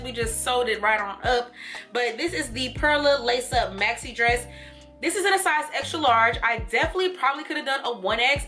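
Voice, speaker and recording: A young woman chatting casually through a clothing try-on haul and storytime, animated and laughing as she talks. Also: a little high. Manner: chatty and animated, laughing and doing little quoted voices. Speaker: vlogger.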